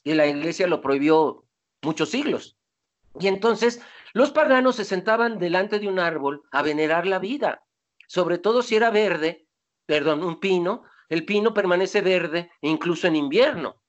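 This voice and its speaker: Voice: mid-range voice, lively intonation, normal speed, dull audio. A lecturer giving an informal talk, digressing often, asking rhetorical questions and answering them.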